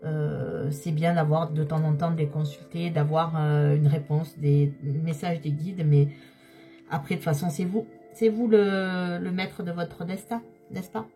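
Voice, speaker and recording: A slightly hoarse woman giving a tarot reading, speaking straight to her viewers and repeating key phrases for emphasis. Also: sits low, flat delivery, a little slow, mellow, faint music behind. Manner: repetitive, emphatic, addresses viewers directly. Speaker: tarot card reader.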